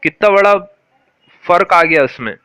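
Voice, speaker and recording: A man teaching correct Quran pronunciation, patiently repeating words slowly and quizzing a listener. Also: sits high, animated, sharp tone, no echo.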